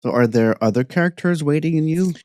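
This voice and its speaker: A man's voice: on the high side, a little fast, a little mellow, dry recording, clean studio sound. A man working as an interviewer, asking questions and responding in casual conversation.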